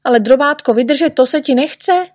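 A woman's voice: high voice, no echo, voice pushed up, close to an everyday voice. A woman voicing a fussy, patient little male doctor who soothes and chides his patient. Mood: soothing. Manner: soothing, chiding.

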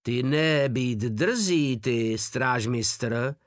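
A man's voice: mid-range voice, sing-song, sharp tone, no echo, studio quality, pitched above the performer's own voice. A man reading aloud, voicing a threatening Cossack sergeant who speaks in broken grammar. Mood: menacing. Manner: broken grammar, slow menacing.

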